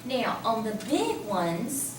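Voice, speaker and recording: High-voiced woman teaching in an echoey classroom. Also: takes it slowly. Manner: lively, conversational, asks the class questions. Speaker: math teacher. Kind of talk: classroom lecture. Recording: echoey classroom from a distance, faint hum.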